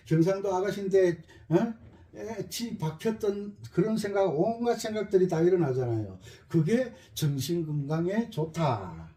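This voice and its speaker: A man's voice: sits high, roomy sound. A middle-aged man teaching an accordion lesson, joking and repeating his key phrases. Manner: lively, repeats key phrases, jokes with students. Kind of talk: spoken music lesson.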